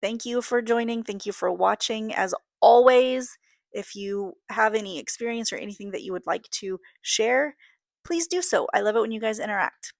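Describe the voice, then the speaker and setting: Candid woman with a gravelly edge. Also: fairly high pitch, normal speed, dry recording, clean studio sound. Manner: rambling, self-interrupting, candid. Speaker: podcast host. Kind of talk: casual solo podcast monologue.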